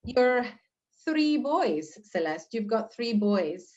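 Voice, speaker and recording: A woman hosting an interview, gentle and unhurried with many fillers, reading out audience comments. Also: fairly high pitch, sing-song, lo-fi sound. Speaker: host and interviewer.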